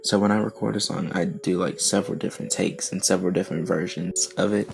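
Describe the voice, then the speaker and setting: Young man with a deep gravelly voice. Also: fairly even intonation, quick pace. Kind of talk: casual studio vlog.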